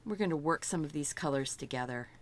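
A woman's voice: low voice, fast, slight background noise. A middle-aged woman teaching a step-by-step painting lesson, chatty and thinking aloud as she works, delighted by her own results. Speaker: art instructor.

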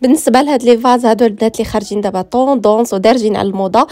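A woman's voice: fairly high pitch, racing, mellow. A woman speaking with a Moroccan Arabic accent, giving a chatty voice-over tour of her living room, mixing in French words and calling her viewers "girls". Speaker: home decor vlogger.

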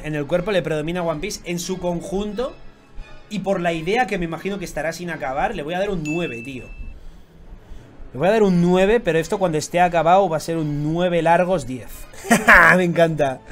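A young man with a Spanish accent from Spain, giving casual, slangy reaction commentary with loud excited outbursts. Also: on the high side. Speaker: YouTuber reviewing fan tattoos.

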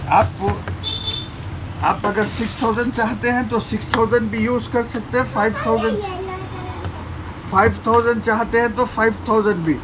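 An older man selling fishing reels from his shop counter, repeating model names in a persuasive sales pitch. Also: noisy background. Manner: repetitive, persuasive salesman patter, urging viewers to buy. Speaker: fishing tackle shop seller. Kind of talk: product showcase sales pitch. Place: small shop packed with shelves, indoors.

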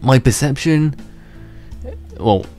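This young man, a gaming channel host, speaks slowly at medium pitch with a dark tone. While playing he chats casually and meanders, laughing to himself and beginning sentences again, his voice a touch worn from illness. Faint music sits under the voice.

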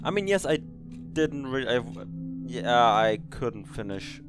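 A podcast host in his twenties rambles, corrects himself, and teases his past self while reacting to an old recording of his own voice. His mid-range voice is sing-song and unhurried, heard over music.

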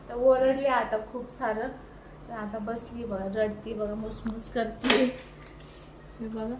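An Indian woman in her thirties vlogs casually on a phone she holds herself, starting on her home terrace and moving to a furniture shop. Her fairly high voice sounds roomy, and she chats straight to viewers and haggles loudly. The phone recording is noisy, with traffic audible.

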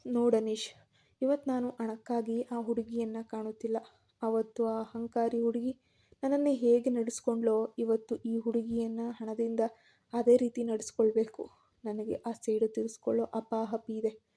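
A woman's voice: a little high, level tone, normal speed, mellow, natural voice. A woman voicing a bitter, vengeful young man who taunts and sneers at his old college love.

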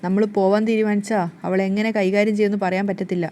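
A woman voicing a sulky, fearful young husband, quick and plain in delivery. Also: mid-range voice, flat delivery, dark tone, lightly acted. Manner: pleading, sulky.

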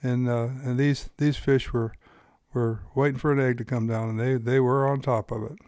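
A man's voice: medium pitch, steady tone, normal speed, darkish tone, no room sound, clean studio sound. A man hosting and narrating his own fishing video in an easygoing, folksy explaining manner. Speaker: fly-fishing guide and host.

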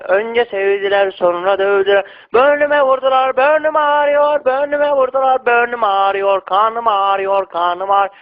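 A man voicing a whiny man wailing in a shrill sing-song that he was beaten. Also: fairly even intonation, moderate pace. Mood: whining. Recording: tinny phone-like clip.

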